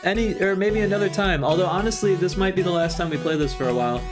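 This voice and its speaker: A man's voice: high-pitched, quick pace. A man hosting a gaming livestream, chatting casually and rambling in a laid-back, friendly way. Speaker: streamer host. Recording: music playing clearly behind the voice.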